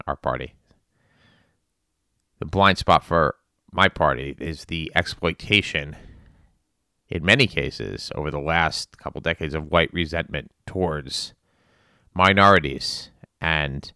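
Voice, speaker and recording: A man delivering an earnest monologue on current events in deliberate, halting phrases with emphatic repetition. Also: extremely low pitch, pushed and bright, smooth, no room sound, clean studio sound. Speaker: spin class instructor.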